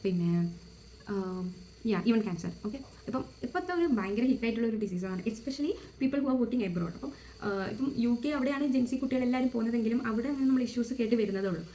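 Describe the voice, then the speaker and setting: Rapid-fire woman explaining with rhetorical questions. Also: a little high, dark tone, slight background noise. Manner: mixes English words into Malayalam, asks rhetorical questions. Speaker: psychology talk host. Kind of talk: casual explanatory talk.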